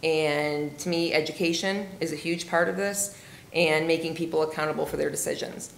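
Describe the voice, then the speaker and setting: A woman's voice: sits low, steady tone, normal speed, gravelly. A woman in her forties who founded a cat rescue group, speaking earnestly at a city council meeting with many fillers and restarts. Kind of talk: public comment at a council meeting. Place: council chamber. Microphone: desk microphone, camera at a distance. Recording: echoey council chamber, faint hum.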